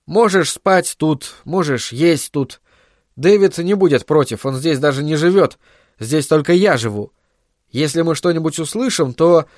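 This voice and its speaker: A harried male scientist, as a man reads him out in an audiobook, talking in hot emphatic bursts and pushing hard. His voice sits above the narrator's usual pitch, dry and close. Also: no echo, natural voice. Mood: urging. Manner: heated, emphatic, pleading at times. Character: agitated middle-aged male scientist, stubborn, harried.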